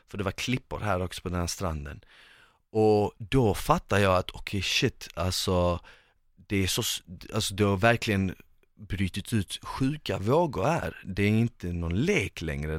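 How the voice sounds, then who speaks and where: A man's voice: sits low, no echo, clean studio sound. A man telling a long story in casual conversation, rambling with lots of fillers. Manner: lively, rambling, with many fillers.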